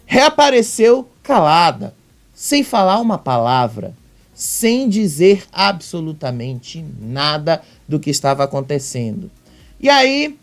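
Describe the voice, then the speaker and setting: A man hosting a celebrity gossip channel, talking in a chatty, emphatic commentary style. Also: high-pitched. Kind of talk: casual commentary.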